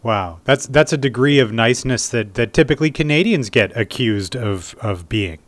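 A man's voice: mid-range voice, lively intonation, normal speed, dry recording. A man hosting a casual interview, reacting briefly and speaking bluntly. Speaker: host.

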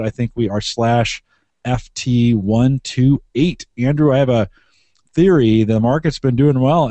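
A man's voice: mid-range voice, dark tone, no room sound. A man hosting a podcast in a casual, conversational style. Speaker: podcast host.

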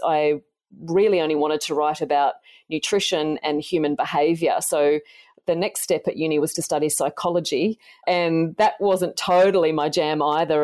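An Australian woman in her forties, a podcast guest gently and earnestly telling her life story. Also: low-pitched.

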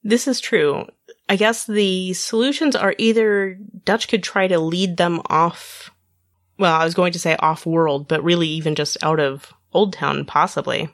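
A woman's voice: on the low side, fairly even intonation, measured pace, no echo, studio quality. A woman co-hosting a podcast, speculating tentatively in casual discussion. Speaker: podcast co-host.

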